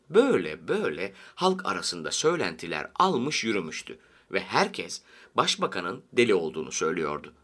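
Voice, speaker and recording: Husky, animated male story reader. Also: deep voice. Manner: lively, expressive narration. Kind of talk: radio story reading. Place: radio studio.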